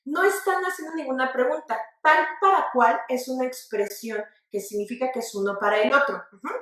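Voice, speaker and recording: A woman's voice: high voice, brisk, heavy reverb, far from the mic. A woman with a Mexican accent teaching a spelling lesson, talking straight to viewers and asking them to repeat examples aloud. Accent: Mexican Spanish. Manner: lively, addresses viewers directly, asks them to repeat aloud. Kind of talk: online grammar lesson. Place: studio set with floor manager.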